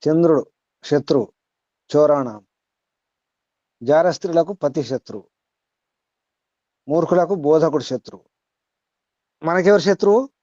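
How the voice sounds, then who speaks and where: A man leads a class, and his voice is mellow and dark, a little higher than most. He keeps putting pointed questions to his listeners and recites verses slowly. The audio is dry and dull. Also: no room sound. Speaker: spiritual teacher. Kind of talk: teaching over an online call.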